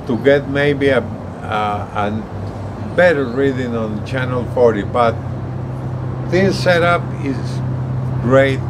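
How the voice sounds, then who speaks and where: A gadget reviewer in his sixties gives a casual, explanatory vlog from an apartment balcony outdoors, speaking slowly in a mid-range voice. He pauses and repeats words as he explains things to viewers. Faint, steady outdoor ambient noise runs underneath.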